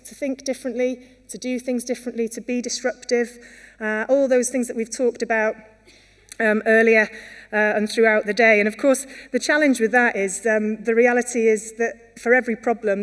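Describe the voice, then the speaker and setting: A Welsh woman gives an earnest talk at a conference in a fairly high, flat voice, moving briskly but full of fillers and restarts. Long reverb from the conference hall colors the recording.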